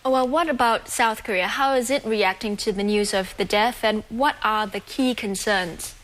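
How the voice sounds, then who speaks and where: A woman's voice: fairly high pitch, moderate pace, fairly bright tone. A woman news anchor reading scripted television news.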